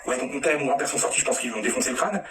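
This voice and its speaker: A man's voice: medium pitch, very fast. A man telling a rambling anecdote in crude, casual slang, with hesitant restarts. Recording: distant mic with loud background noise.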